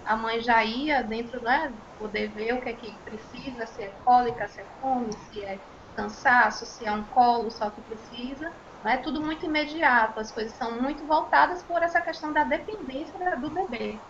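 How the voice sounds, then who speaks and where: A woman with a Brazilian Portuguese accent, a child and speech therapist, explaining on a panel in a measured way with frequent tag questions. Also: on the high side. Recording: muffled, slightly noisy recording.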